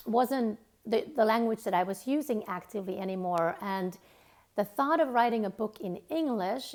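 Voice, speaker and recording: A Finnish woman, a native Finnish speaker with a Finnish accent and a mid-range voice, gives a reflective motivational talk full of fillers and restarts.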